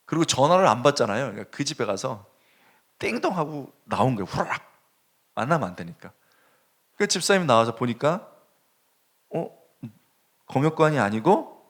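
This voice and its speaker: A male pastor preaching a sermon, telling a story with animated swings between hushed and raised delivery. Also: mid-range voice. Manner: animated storytelling, dropping to a hush and rising sharply.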